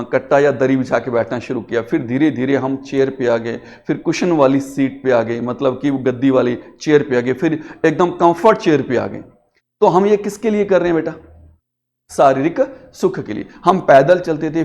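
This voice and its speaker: A man's voice: medium pitch, darkish tone. A man teaching a grammar lesson in a classroom, coaxing his pupils with questions that he answers himself and calling them beta. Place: classroom with a digital board.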